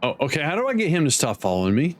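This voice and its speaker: A man streaming a game, giving casual commentary, thinking aloud and rambling with many fillers and pauses. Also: fairly high pitch, wildly swooping pitch.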